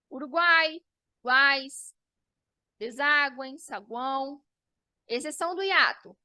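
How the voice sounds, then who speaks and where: A woman's voice: high voice, bright, forceful tone, no echo. A woman teacher, giving an online review lesson and explaining step by step, often checking in with her students.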